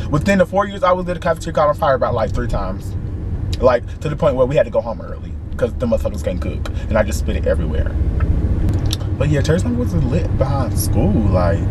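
A young man, vlogging casually to his camera from his car, animated and excitable, swearing freely as he talks straight to viewers. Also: on the high side. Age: young adult. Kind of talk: casual vlog while driving. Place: in a car driving around town. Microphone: handheld compact camera. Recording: camera audio with clear car noise. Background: car and street noise.

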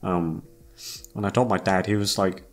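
Over background music, a young adult YouTube voice actor and channel host chats casually with his listeners. His voice is low, his intonation fairly even and his pace normal. He sounds hesitant, runs himself down, curses freely and often trails off.

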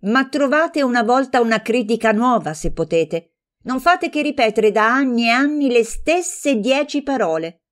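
A woman's voice: mid-range voice, measured pace, hardly any pauses, voice pushed up, natural voice. A woman reading an audiobook, voicing a proud, self-assured woman who answers with ironic, cutting remarks. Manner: ironic, cutting, then calm and dismissive.

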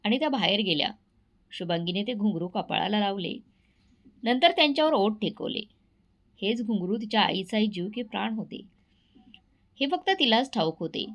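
A woman narrating a scripted moral story in a measured, expressive reading voice. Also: medium pitch.

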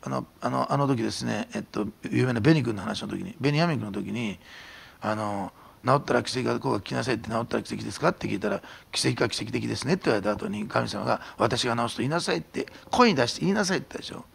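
A middle-aged man preaching a sermon as pastor, swinging from hushed whispers to loud emphatic declarations. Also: mid-range voice, fast talker, gravelly, husky. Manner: animated preaching, drops to a hushed whisper for emphasis, then shouts.

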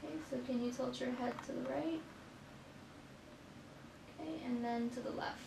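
In a scripted clinical role-play, a young adult woman acting as a nurse politely guides a patient through an assessment indoors in a small exam room. She speaks at normal speed in a high-pitched, steady voice with vocal fry. The distant camera microphone gives an echoey sound with a noisy background.

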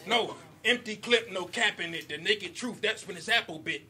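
Cheers and shouts from the crowd fill this loud live recording made in an indoor basement battle venue. A high-voiced battle rapper performs at a moderate pace with a punchy, rhythmic flow, chuckling between bars now and then.

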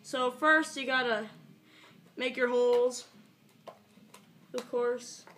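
This young teen speaks slowly in a steady, medium-pitched voice with a fairly bright tone. An amateur video maker, he rambles through an improvised tutorial vlog, muttering and swearing casually. The noisy, echoey recording comes from a camera mic in a small bedroom.

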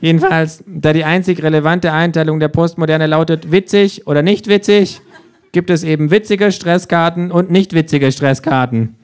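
A man's voice: fairly high pitch, fairly even intonation, moderate pace, clean tone, pitched above the performer's own voice, close to an everyday voice. A man voicing a cheeky, sardonic talking kangaroo that lectures everyone in a smug, mocking tone, in an audiobook-style reading. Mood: smug lecturing. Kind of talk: audiobook-style rules narration.

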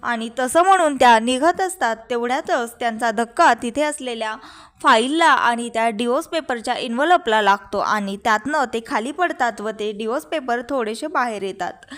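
A woman's voice: on the high side, expressive, normal speed, a bit bright. A young woman narrating a recap of a TV serial episode and quoting each character's lines in turn. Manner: retells scenes by quoting each character in her own voice. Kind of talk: storytelling recap with quoted dialogue.

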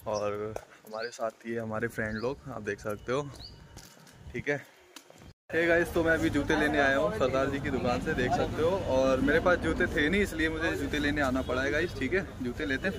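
A young man talking casually to viewers in a selfie vlog, filmed on a phone at arm's length, chatty and often checking in with the audience. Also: mid-range voice. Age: young adult. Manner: chatty, keeps asking "theek hai?" to viewers. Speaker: vlogger. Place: indoors at home and outdoors at a college camp. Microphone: phone held at arm's length.

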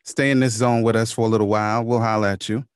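A man co-hosting a podcast in casual chat, calm and understated, with plenty of slang. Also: lowish voice, fast, clean tone, no room sound, studio quality. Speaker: podcast co-host.

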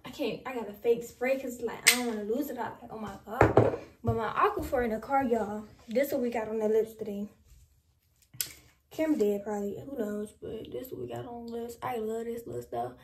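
A woman's voice: on the high side, steady tone, a little fast, reverberant, far from the mic, very noisy. A young woman in her twenties chatting casually to viewers in a playful, slangy way, filmed in a small bedroom. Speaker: vlogger. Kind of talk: casual vlog chat.

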